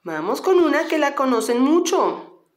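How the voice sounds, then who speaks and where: A woman, a kindergarten teacher leading children through a slow syllable-by-syllable reading drill, patient and encouraging. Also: high-pitched, very animated. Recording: echoey room.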